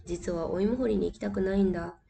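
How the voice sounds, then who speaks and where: A woman reading a storybook, voicing a tearful little boy fox at kindergarten in a soft, childlike way. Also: medium pitch, steady tone, fast talker, vocal fry. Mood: reluctant. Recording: distant mic with faint hiss.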